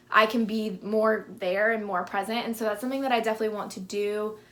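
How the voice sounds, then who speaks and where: A woman's voice: a little high, fairly bright tone. A woman in her twenties with a lisp, answering viewer questions in a casual vlog, filling her talk with "like". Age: 20s. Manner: chatty, lots of "like" fillers. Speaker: fitness vlogger. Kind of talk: casual Q&A to camera.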